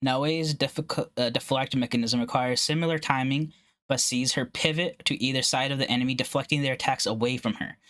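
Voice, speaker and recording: Male gaming host with a middling pitch, reading a guide aloud with many uhs and restarts. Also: fairly even intonation, a bit bright. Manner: halting reading with frequent uhs and self-corrections. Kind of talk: reading an article aloud and reacting.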